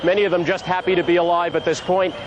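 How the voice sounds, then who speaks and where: High-voiced male reporter, noisy street. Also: flat delivery, fast, dull audio. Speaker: field news reporter. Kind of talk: live unscripted news report. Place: outdoors on a city street. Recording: clear outdoor traffic noise.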